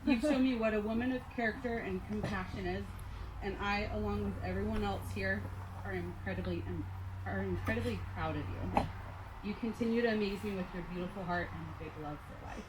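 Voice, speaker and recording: A woman's voice: mid-range voice, a little fast. A woman delivering a heartfelt, prepared toast at a wedding reception. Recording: noisy live event recording.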